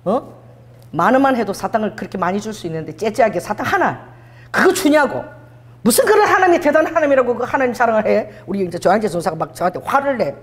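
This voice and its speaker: Woman, middle-aged, pastor, church sermon, personal testimony, animated storytelling, slightly high voice. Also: quick pace. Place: church sanctuary.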